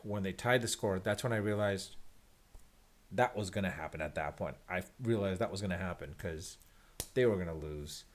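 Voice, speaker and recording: A man giving an unscripted, resigned sports rant to viewers, rambling and halting as he repeats his phrases. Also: deep voice. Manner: resigned, disappointed fan. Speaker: sports fan vlogger.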